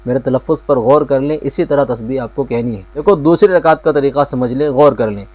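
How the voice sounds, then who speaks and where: A man teaching as a mufti, giving a patient step-by-step religious lesson and reciting prayer phrases slowly and with care. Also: mid-range voice, a little mellow. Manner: patient, repeats key points, recites Arabic phrases slowly.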